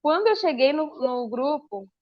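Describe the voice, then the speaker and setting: High-voiced nun telling her story. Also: normal speed, no room sound, dull audio. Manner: lively storyteller acting out her own past dialogue. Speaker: guest, religious sister. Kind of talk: personal testimony in podcast chat.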